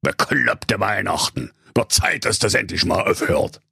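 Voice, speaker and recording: A cranky old miser snaps and grumbles in a raised, gravelly, raspy voice, as a man puts him on. He sounds close and dry, like a comic storybook reading. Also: extremely high pitch, sing-song, unhurried, pushed and bright, no room sound, voice pushed up, exaggerated voice. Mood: grumpy. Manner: grumbling, cursing, snappish. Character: grumpy stingy old male junkyard owner.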